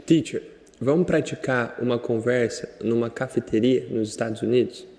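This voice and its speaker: A man's voice: medium pitch, moderate pace, a little mellow, big-room sound. A man with a Brazilian Portuguese accent teaching an English lesson in a direct, chatty way, talking straight to the viewer. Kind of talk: casual online lesson.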